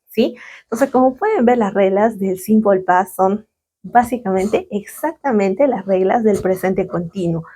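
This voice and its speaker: A woman's voice: medium pitch, warm tone. A woman with a Latin American Spanish accent explaining grammar rules as a teacher, patiently checking in with her students after each point. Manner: patient, checks in often with short questions. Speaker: English teacher. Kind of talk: classroom explanation.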